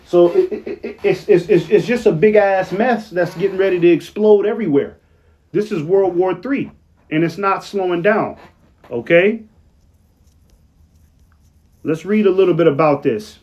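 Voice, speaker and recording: A weary man talks through the news in a loose, rambling way, often tossing in "right?" to his listeners. His voice sits somewhat high and he slows down to read quotes aloud. The recording sounds muffled and lo-fi. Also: a little mellow. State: tired, yawning late at night. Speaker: online commentator. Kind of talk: casual commentary reading news aloud. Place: at work, late at night.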